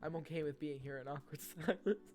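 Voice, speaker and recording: Against soft background music, a woman with a deep voice streams a dating-sim game, voicing its text and stopping to crack jokes. She's lively and teases the characters readily.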